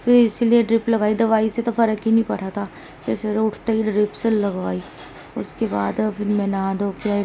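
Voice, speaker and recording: A woman's voice: medium pitch, gravelly, dark tone. A woman from India vlogging casually at home, unwell and in pain, talking in a plain, complaining, straight-talking way. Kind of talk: casual home vlog talk. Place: home room with air conditioner running. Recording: noisy room, air conditioner hum.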